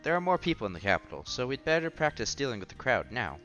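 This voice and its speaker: Reading a visual novel aloud on a headset mic, a man voices the dialogue and adds casual, offhand comments, with soft music in the background. He speaks at medium pitch, very animated and at a quick pace.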